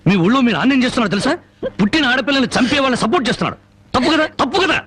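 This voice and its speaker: An actor playing a fiery, defiant man who thunders speeches and makes comically gruff threats in a film scene. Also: extremely high pitch, lively intonation, racing, crowd noise. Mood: comic bluster. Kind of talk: Telugu film dialogue. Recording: film soundtrack with loud music.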